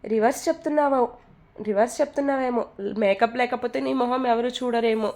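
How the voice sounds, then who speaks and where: A woman playing a cheeky young man in a storybook romance, boastful and mocking. His voice sits a little high and has a soft, mellow tone. He talks with easy, smug confidence. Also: fairly even intonation, brisk, natural voice. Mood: cutting. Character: cocky teasing young man.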